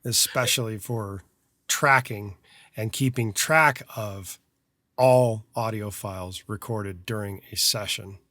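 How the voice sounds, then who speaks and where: A man's voice: lowish voice, slow, pushed and bright, no echo. A man co-hosting a podcast about mixing, talking casually with dry, sarcastic asides about being fussy with his files. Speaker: podcast co-host, mixing engineer. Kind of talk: casual chat. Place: studio.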